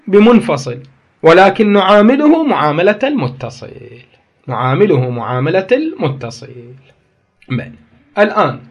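A man with an Iraqi Arabic accent lectures on grammar in a fairly high voice. He reads a passage aloud, then explains and argues with it, repeating key phrases to drive the point home. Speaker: teacher.

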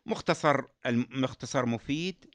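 A man with a medium-pitched, fairly bright voice teaches recitation rules, explaining patiently, repeating key phrases, and chanting quoted verses slowly. The recording is dull and lo-fi.

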